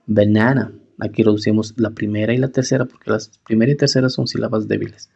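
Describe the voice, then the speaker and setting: A man teaching English pronunciation, slowly repeating each word several times. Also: lowish voice, level tone, gravelly, darkish tone, slightly rough. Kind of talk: pronunciation lesson. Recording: dull, lo-fi recording.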